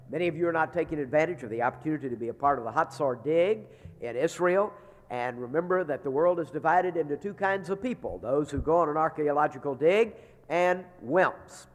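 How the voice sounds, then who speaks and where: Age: middle-aged. Sex: man. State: congested from a sinus infection, sounding like he's inside a barrel. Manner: folksy, joking chapel announcements. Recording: long reverb of a chapel hall. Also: a little high. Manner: folksy and joking, with frequent "uh" fillers. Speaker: seminary leader giving chapel announcements. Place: large chapel.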